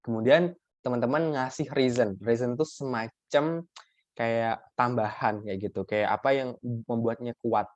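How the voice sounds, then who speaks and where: A man's voice: mid-range voice, a little slow, dry recording. Man tutoring in dull lo-fi audio. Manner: chatty, many fillers and restarts, addresses listeners as friends. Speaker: workshop tutor. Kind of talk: casual teaching talk.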